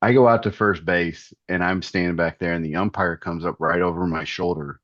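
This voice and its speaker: Male, middle-aged, deep voice, self-mocking casual storyteller, dry dulled recording. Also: steady tone, fairly quick, no room sound, lo-fi sound.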